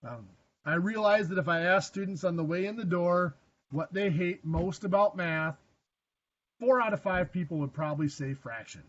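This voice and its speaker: A man's voice: high voice, normal speed, lo-fi sound. A man teaching a math lesson to a class, quizzing students and making dry, self-deprecating jokes. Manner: asks the class questions. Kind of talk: classroom lecture.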